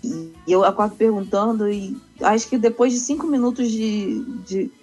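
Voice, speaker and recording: A woman's voice: mid-range voice, moderate pace, darkish tone, slightly rough, faint music behind. A woman chatting casually, telling stories about her husband and quoting him. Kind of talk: casual chat.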